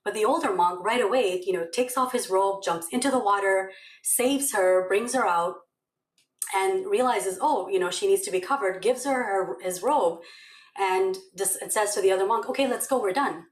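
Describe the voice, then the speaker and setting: A woman's voice: mid-range voice, moderate pace. Woman, meditation teacher, casual storytelling tone, echoey room. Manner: chatty, many fillers and "okay? right?" check-ins. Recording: roomy echo.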